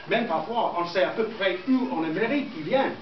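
A middle-aged native English speaker from southern England, with an English accent, teaches pupils in an indoor school classroom using simple, halting phrases and repetitions. His voice sits high and is expressive. A distant camera microphone captures him muffled and from far off, in an echoey, noisy room.

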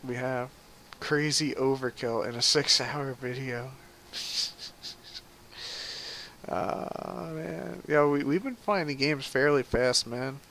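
A man talks through his live game stream in a loose, chatty way, swearing freely and answering viewers as he plays. His voice is bright and forceful, with a faint hiss behind it. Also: mid-range voice. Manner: chatty, profane, reads chat aloud. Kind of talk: casual live gameplay commentary.

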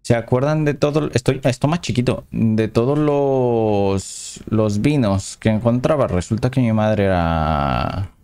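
A man's voice: medium pitch, measured pace, mellow, clean tone. A man commentating a horror game as he plays, reading the game's dialogue aloud between casual reactions. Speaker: gameplay commentator. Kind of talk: let's play commentary.

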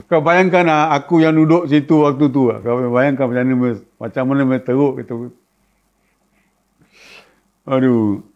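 A man with a Malaysian Malay accent, casually telling a funny story about a gig. He laughs often and acts out a shrill scream. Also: fairly even intonation, a little slow. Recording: dull lo-fi sound.

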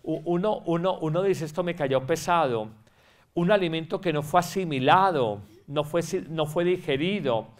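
A priest speaks at a spiritual retreat in a fairly high voice. He preaches with emphasis, repeats his points and acts out the people he quotes. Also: normal speed, few pauses.

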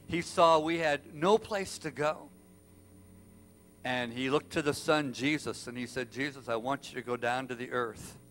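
Impassioned male pastor preaching. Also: mid-range voice. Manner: impassioned storytelling, swinging from loud to hushed. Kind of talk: sermon.

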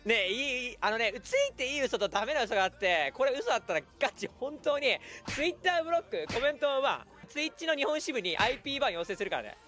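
A man giving lively live commentary while streaming a game, breaking into quick shouted reactions and laughs. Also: very high-pitched, soft background music.

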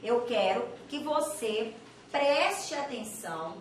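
Brazilian woman, lively online grammar teacher, raised voice, echoey room, slight distance from the mic. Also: fairly high pitch, slow, slight background noise. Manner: lively, chatty, asks the viewer questions. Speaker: Portuguese teacher. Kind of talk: online exam-prep lesson.

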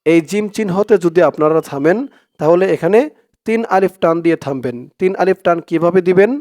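A man with a high, smooth, resonant voice leads a slow recitation lesson. He splits each word into syllables, spells out the letters and draws the verses out in a chant for his viewers to repeat. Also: darkish tone, dry recording, studio quality. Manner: breaks words into syllables and chants verses slowly. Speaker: Quran reading teacher.

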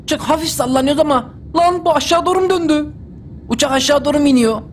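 A man doing live gameplay commentary for his channel, panicky and excitable, with loud exclamations and slangy asides. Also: extremely high pitch, quick pace, a little hiss or hum. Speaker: gaming YouTuber. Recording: clear music underneath. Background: game background music.

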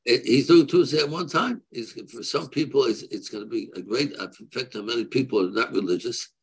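A rabbi in his seventies, with a husky, medium-pitched voice, answers religious questions off the cuff while seated in a room on a video call. Speaking through the call's microphone, he haltingly repeats and rephrases himself as he weighs both sides.

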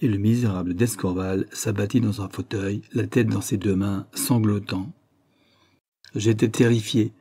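Husky man narrating an audiobook. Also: on the low side, steady tone, mellow, no room sound, clean studio sound. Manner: measured, dramatic storytelling.

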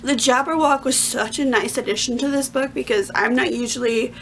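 A woman's voice: fairly high pitch, fairly quick, gravelly, fairly bright tone, slight background noise. A young woman reviewing a book for her vlog, chatty and gushing, laughing often and filling gaps with "like".

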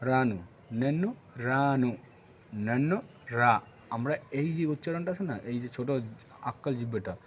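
A man from Bengal giving a casual video language lesson, repeating words slowly and often asking whether the viewer understands. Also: medium pitch. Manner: repeats words slowly with many check-ins. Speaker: language teacher. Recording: dull lo-fi recording, faint noise.

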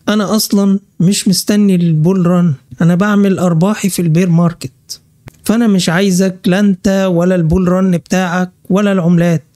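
High-voiced combative Egyptian man, dry sound. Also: dark tone, no echo. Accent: Egyptian Arabic. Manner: combative, scolds hostile commenters; brisk list-reading walkthrough. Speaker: crypto channel host. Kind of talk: screen-share vlog commentary.

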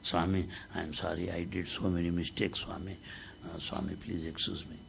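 An older man with an Indian accent voicing a remorseful man who begs forgiveness in a low, hushed plea. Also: little pitch movement, moderate pace, vocal fry, a little hiss or hum. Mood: pleading. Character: remorseful man begging forgiveness, pleading softly.

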